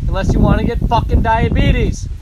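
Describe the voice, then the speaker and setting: A man's voice: very high voice, fairly even intonation, normal speed, heavy background noise. A man in a comedic rant, insulting and swearing constantly with angry bursts, recorded outdoors. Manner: aggressive, insulting, heavy swearing, shouting bursts.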